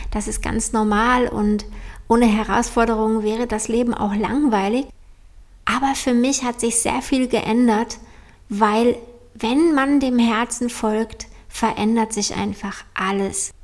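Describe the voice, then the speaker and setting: Gentle higher-voiced woman introducing a meditation. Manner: gentle, encouraging, addressing listener directly. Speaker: meditation coach. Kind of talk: personal spoken introduction to a meditation.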